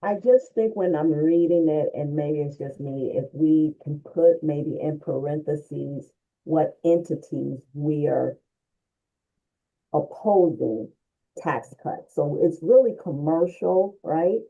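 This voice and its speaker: A woman's voice: sits low, slow, dark tone. A woman at a committee meeting, talking tentatively on a video call, her voice muffled as if through a wall. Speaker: committee member. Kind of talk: casual meeting discussion.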